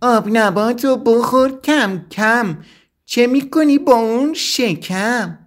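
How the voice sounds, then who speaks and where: A man voicing a clever, determined young child hero in a storybook reading, given to shouting and sly, quick-witted talk. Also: a little high, sing-song, soft background music.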